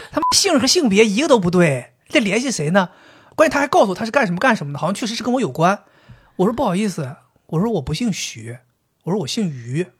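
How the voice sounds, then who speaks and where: A man's voice: sits high, breathy edge. A man, co-hosting a casual chat, acting out dialogue with lots of laughs and swearing. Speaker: podcast co-host.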